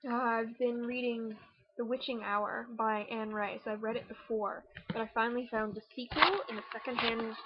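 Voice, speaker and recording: A young Canadian woman with a Canadian accent talks casually through an accent challenge, chatty and self-mocking, rushing through her words. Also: fairly high pitch, lo-fi sound, very noisy. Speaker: vlogger.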